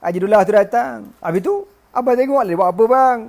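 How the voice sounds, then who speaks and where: A male preacher voicing a panicky, tearful young wife in a high wailing falsetto. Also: normal speed, a little mellow, natural voice. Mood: fretful.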